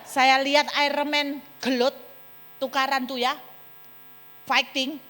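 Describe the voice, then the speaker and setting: A woman's voice: sits high, slow pace. Woman pastor preaching in a reverberant hall. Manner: storytelling, animated, addresses congregation directly. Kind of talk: sermon. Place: church hall. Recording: long hall reverb, mains hum.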